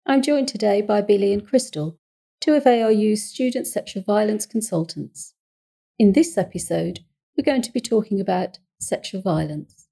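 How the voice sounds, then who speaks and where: A woman counsellor hosting a podcast, speaking in a calm, measured way with carefully chosen words and an English accent. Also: medium pitch, creaky, slightly rough.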